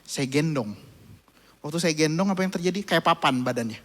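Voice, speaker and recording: A man's voice: on the high side, lively intonation, a little fast, a bit bright. A man preaching a sermon, telling a family story and acting out the voices in it. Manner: storytelling, acting out his child's and his own voices. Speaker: pastor. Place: church hall. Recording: church hall with long reverb.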